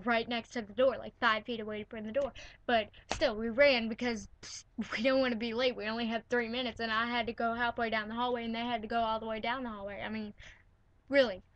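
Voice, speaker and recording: A woman's voice: fairly high pitch, fairly bright tone, dry recording, muffled recording. Indignant teen girl ranting from her bedroom. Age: teens. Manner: indignant, sarcastic, peppered with "like" and "all right?". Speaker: vlogger. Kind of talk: ranting to camera.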